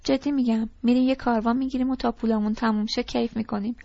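A woman's voice: a little high, fairly even intonation, vocal fry, dark tone, dry recording. A woman doing a restless, ranting teenage boy. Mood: eager, pleading. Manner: rambling and pleading. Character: restless, disgruntled teenage boy pouring out complaints. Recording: dull lo-fi recording.

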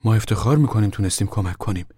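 A man's voice: on the low side, warm tone, breathy edge, no echo, clean studio sound, voice pushed up. A man voicing a modest, plain-spoken neighbor in an audiobook. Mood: humble.

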